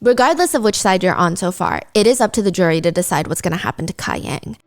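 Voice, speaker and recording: A woman's voice: fairly low pitch, fast. A woman hosting a true-crime podcast, retelling a case in a casual, conversational way and briefly acting out quotes. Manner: lively, acts out quotes in character. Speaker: podcast host.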